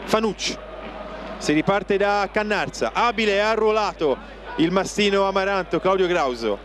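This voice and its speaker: A man's voice: high voice, expressive, normal speed. A man giving live football play-by-play in clipped phrases, calling out players' names. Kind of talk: live match commentary. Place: outdoor football stadium stand. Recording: noisy outdoor stadium TV broadcast.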